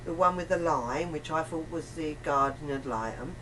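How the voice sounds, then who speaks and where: Recorded on a distant mic with faint room noise, a woman whose voice sits low and sounds a bit bright talks at a moderate pace. Her casual chat rambles, emphatic and colloquial, and she often performs bits of what others said.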